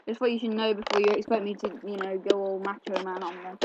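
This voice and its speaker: A man's voice: sits high, flat delivery, fast talker, heavy background noise. A male gameplay host rambling casually through commentary, full of fillers. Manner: rambling, chatty, with many fillers. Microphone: desk mic picking up keyboard clicks. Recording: slightly dull home recording with keyboard clicks.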